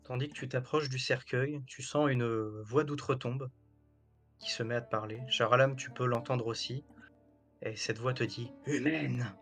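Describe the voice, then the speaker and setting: Guy running a tabletop rpg, describing the scene, soft music underneath. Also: medium pitch, steady tone, normal speed. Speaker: game master. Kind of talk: narrating a tabletop role-playing game.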